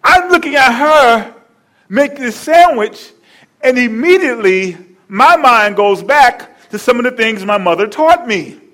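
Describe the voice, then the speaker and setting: A male pastor preaching a sermon, telling stories with lively repetition and asides to the congregation. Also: very high-pitched, a little slow.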